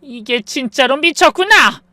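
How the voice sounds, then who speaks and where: A woman's voice: high-pitched, lively intonation, a little slow, bright, forceful tone, no room sound, studio quality, voice pushed up, heavily acted. Woman voicing a scolding older mother-in-law. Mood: scornful. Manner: scolding, contemptuous. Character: domineering older mother-in-law, scornful and shrill.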